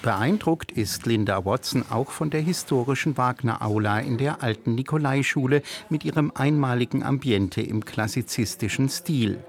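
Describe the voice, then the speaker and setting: A man reads a scripted radio report. His delivery is measured and even. His pitch sits mid-range. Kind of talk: scripted narration.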